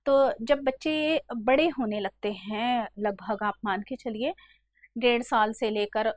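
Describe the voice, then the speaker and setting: High-voiced woman teaching grammar. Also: no echo, studio quality. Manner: explains step by step, calls students "beta"; slowly sounds out letters one by one. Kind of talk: classroom lesson.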